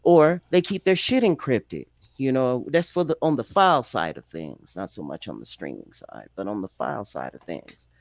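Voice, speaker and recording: A man's voice: mid-range voice, very animated, normal speed, creaky, hardly any pauses, no room sound. A man in casual chat who talks laid-back in street slang and swears freely.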